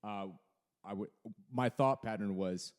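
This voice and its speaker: A man's voice: lowish voice, measured pace, smooth. A man hosting a podcast, a piano performer telling stories with hesitant restarts. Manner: storytelling, hesitant restarts, quiet when serious. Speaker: podcast host and dueling pianist. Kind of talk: casual podcast interview.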